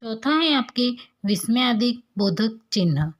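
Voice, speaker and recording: A woman teacher explaining a grammar lesson to young pupils, patiently posing questions and answering them herself, and reading examples slowly. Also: on the high side, animated. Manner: slow, clear dictation of examples.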